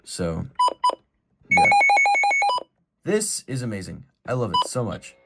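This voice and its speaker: Speaking slowly in a mid-range voice whose pitch swoops wildly, a man walks through his weather radio collection in a casual, opinionated ramble. The recording is very noisy.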